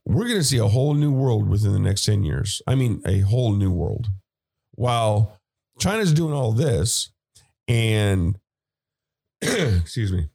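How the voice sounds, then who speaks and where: A man's voice: medium pitch, a little mellow. A man hosting a podcast, giving casual political commentary in a conversational way with fillers and asides. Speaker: podcast host.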